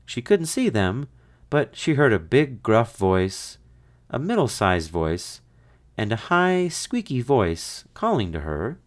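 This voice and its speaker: A man reading a children's picture book aloud, expressive and unhurried. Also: mid-range voice. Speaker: narrator. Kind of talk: storybook read-aloud.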